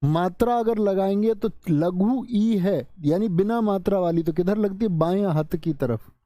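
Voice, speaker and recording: A man's voice: sits high, a little slow, mellow, dry recording, studio quality. A man teaching a Hindi exam-prep class, drilling sounds aloud and quizzing his students as he goes.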